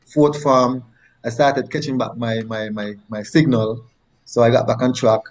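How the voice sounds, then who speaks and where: A man's voice: medium pitch, steady tone, unhurried. Nevisian man telling his story. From Nevis, Saint Kitts and Nevis. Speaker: interview guest, former track athlete. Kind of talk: conversational personal storytelling.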